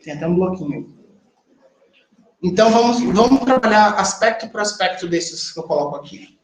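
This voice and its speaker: A man's voice: high voice, lively intonation, moderate pace. A Brazilian Portuguese-speaking man teaching a class on sign language interpreting in a conversational lecture style, talking straight to his students and checking in with them. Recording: echoey classroom with faint ambience.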